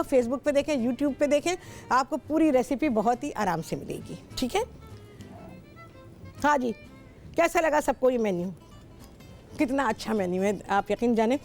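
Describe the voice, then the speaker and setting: A middle-aged woman with a Pakistani Urdu accent and a high, darkish voice. She hosts a television cooking show from a television studio, chatting with callers in a talkative, instructive way and often repeating herself.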